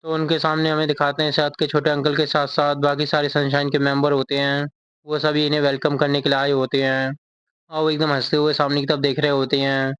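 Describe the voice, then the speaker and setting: A man's voice: on the high side, monotone, fairly quick, a bit bright, clean tone, no room sound, muffled recording. A man casually retelling a manga chapter as a recap narrator. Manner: reads character lines in the same plain voice.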